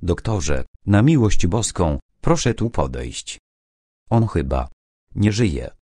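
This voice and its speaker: Man doing a shaken young gentleman, urgent, agitated, slow, dry sound. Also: low voice, big pitch swings, no echo, full character voice.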